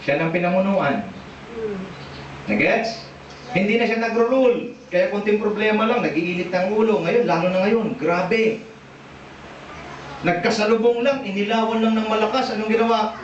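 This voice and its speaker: A man with a Filipino accent preaching a sermon, animated and asking the congregation questions. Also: high-pitched, moderate pace, pauses often, a little hiss or hum. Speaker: pastor. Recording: echoey church, distant dull mic.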